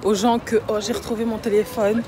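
A woman's voice: on the high side, flat delivery, a little fast, noisy background. A young woman, chatting playfully in a casual vlog and slipping English words in. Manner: playful, mixes in English words, swings from loud teasing to quiet talk. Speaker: vlogger.

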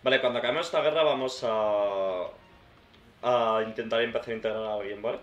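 This gaming YouTuber's voice is on the low side and a little fast, with the highs cut off and soft music playing behind him. Chatty and thinking aloud, he addresses his viewers as "tío" and "hermanos" as though they're friends, in a roomy recording with faint background noise.

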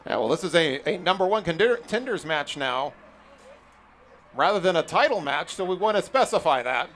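A man calling a wrestling match as play-by-play commentator, in an energetic, excitable manner. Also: on the high side, fairly quick, slight background noise.

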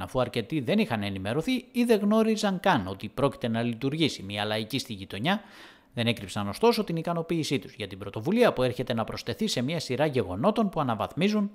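A man reading scripted narration for a television news report. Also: mid-range voice.

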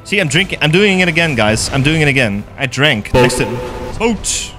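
A young Dutch man with a slightly high voice streams a game live from an indoor gaming room, speaking at a moderate pace over soft background music. Excitable, he swears freely and reads chat aloud while commenting on his gameplay and chatting with viewers.

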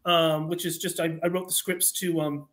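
The guest here is a fan audio drama writer on a casual podcast, connected through an online video call. His voice is a little high and fairly bright, delivered flatly at normal speed, and he talks discursively, rephrasing and elaborating as he goes.

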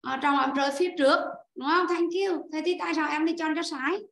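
A woman teacher with a high voice leads an online class, patiently walking through each answer and calling on pupils by turn. The sound is echoey, as if from a bare room over a video call. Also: fairly quick, creaky, fairly bright tone. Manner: patient, explains step by step and calls on pupils.

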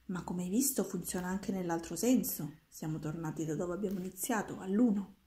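An old storybook wizard, unhurried and smugly calm, voiced by a woman reading aloud. The tone is mellow and soft. The roomy space leaves a clear echo. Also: lowish voice, natural voice. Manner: unhurried, unbothered. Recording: roomy echoing room.

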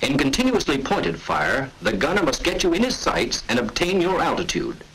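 A man narrates a 1940s military training film in a measured, authoritative manner, delivering scripted instruction. His husky voice rises and falls in lively pitch. The audio is poor, like an old film soundtrack.

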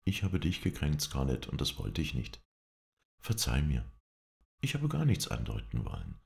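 A man voicing a weary, gentle young man. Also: very deep voice, huge pitch swings, moderate pace, gravelly, full character voice. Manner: tired and soft-spoken.

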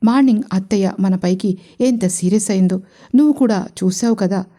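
A woman voicing a shy, polite young woman CEO who speaks hesitantly and pleads softly in an audio story. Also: mid-range voice, brisk, lightly acted.

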